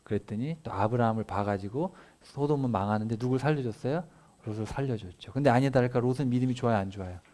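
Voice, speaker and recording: A male pastor preaching to a congregation of all ages. He tells the scripture as an animated, conversational story. He keeps turning to his listeners with rhetorical either-or questions, at a middle pitch. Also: fast. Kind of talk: family sermon, casual retelling of scripture.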